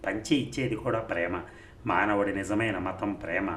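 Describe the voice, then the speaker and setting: A man voicing a calm, wise young woman who speaks gently and philosophically in a storybook reading. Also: on the low side, moderate pace, close to an everyday voice. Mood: reflective. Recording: roomy recording, faint noise.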